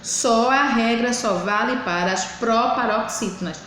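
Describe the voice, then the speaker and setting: Woman, teacher, slow and clear, slightly high voice, echoey room. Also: a bit bright. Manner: slow, drawn-out syllable counting. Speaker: primary school teacher. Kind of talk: recorded remote lesson for children. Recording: echoey room with faint hiss.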